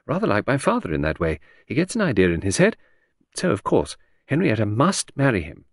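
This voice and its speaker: A man's voice: fairly low pitch, wildly swooping pitch, fairly quick, no echo, studio quality, full character voice. A man voicing a flighty older aristocratic lady who chatters and rambles breezily. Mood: airy.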